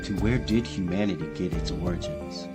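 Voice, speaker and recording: A man's voice: low-pitched, moderate pace. A man reading a scripted show introduction as its host, posing questions in a narrator's delivery. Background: loud music.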